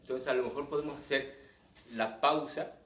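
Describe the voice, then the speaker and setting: A man's voice: medium pitch, steady tone, normal speed, fairly bright tone, a little hiss or hum. A man with a Mexican accent, a clown presenting his book, explaining stage timing to a live audience and acting out what they think. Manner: explanatory, acts out audience thoughts in asides. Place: live event room with audience. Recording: echoey room, distant mic.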